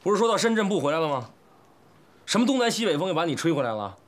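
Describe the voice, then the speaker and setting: An actor playing a young husband who is quick to anger, loud, mocking and quarrelsome. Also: male voice, fairly high pitch, very animated. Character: hot-tempered, bullying young husband. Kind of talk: TV drama acting.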